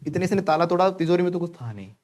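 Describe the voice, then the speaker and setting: A man's voice: high voice, lively intonation, rapid-fire, darkish tone. A man from India teaching spoken English to a class in Hindi, joking and pushing his students to repeat English phrases after him.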